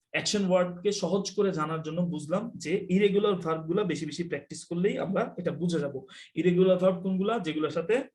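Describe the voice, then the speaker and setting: A man's voice: on the high side, darkish tone. A man from Bangladesh teaching English in a live online class, chatty and teasing, mixing in English phrases.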